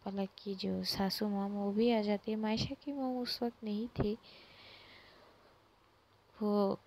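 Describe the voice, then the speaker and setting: Woman storyteller, casual narration, slightly gravelly voice, acts out quoted lines. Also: steady tone, takes it slowly, a little mellow, a little hiss or hum. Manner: retells a love story, acting out quoted lines with rising pitch.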